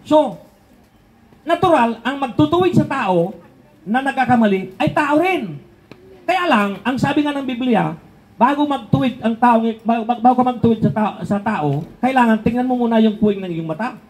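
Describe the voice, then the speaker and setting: A man's voice: very high voice, expressive, moderate pace, rough recording. An older man preaching a sermon in a conversational way, asking rhetorical questions and chuckling between points.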